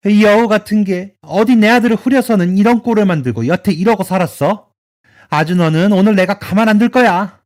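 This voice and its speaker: Man doing a raised high furious mother-in-law, scolding loudly, older woman, storytelling radio drama. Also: a little fast, close to an everyday voice. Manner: shrill scolding, shouting.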